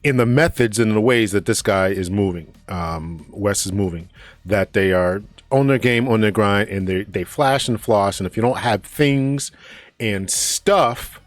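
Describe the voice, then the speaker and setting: A man's voice: lowish voice, measured pace, no echo. Hesitant man commenting, dry sound. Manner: hesitant, repeats words, asks "right?" often. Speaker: podcast host. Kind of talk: reaction commentary.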